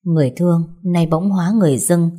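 A woman calmly narrating a romantic drama story. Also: fairly low pitch, fast talker. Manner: calm, even storytelling.

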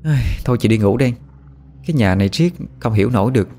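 A man voicing an offhand, weary older sister who talks quickly and dismissively. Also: medium pitch, animated, warm tone, soft background music, lightly acted.

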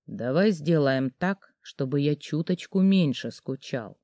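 A woman voicing a young husband who speaks slowly and coaxingly, in an audiobook reading. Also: low-pitched, animated, warm tone, no room sound, clean studio sound, pitched below the performer's own voice. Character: young husband, calm, coaxing, then cold. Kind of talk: audiobook character voice.

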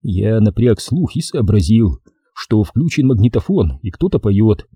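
A man narrating a first-person detective audiobook in a dry, measured way. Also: fairly low pitch, very animated, dark tone, husky, no echo.

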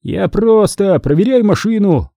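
A man voicing an eager, careless middle-aged father in an audiobook, talking excitedly and defensively. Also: high-pitched, moderate pace, no echo, clean studio sound, pitched above the performer's own voice, exaggerated voice.

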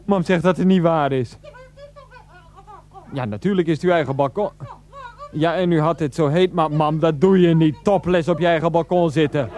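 Here a man performs the part of a defensive, exasperated grown son phoning his mother in a naturalistic radio comedy drama, faltering and repeating himself to placate her. His voice runs high with a darkish, natural tone, and he sounds incredulous.

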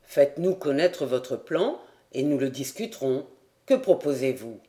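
A composed nobleman who leads by asking questions, calm and deliberate, read out by an audiobook narrator. His lines drop noticeably lower than the narration, giving them a grave, settled weight. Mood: measured. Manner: measured, questioning. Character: composed Scottish-born nobleman, expedition leader. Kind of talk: audiobook character voice.

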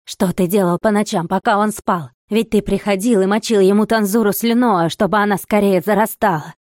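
A woman reading an audiobook voices a furious, fanatical male monk who shouts curses and accusations. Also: mid-range voice, fairly even intonation, brisk, no echo, studio quality, natural voice. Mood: raging, accusing.

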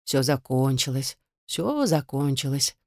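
A woman voicing a kind old nanny who talks in a soft, soothing, hushed way. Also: low-pitched, very animated, measured pace, no room sound, studio quality. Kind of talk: audiobook role reading.

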